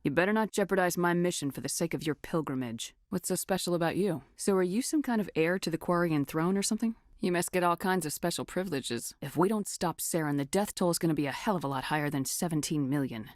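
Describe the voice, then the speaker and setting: An actress voicing a tough, no-nonsense female starship commander in a video game, with a firm, measured, authoritative delivery. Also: fairly low pitch, no echo, clean studio sound, close to an everyday voice. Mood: resolute, then questioning. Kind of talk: video game dialogue acting.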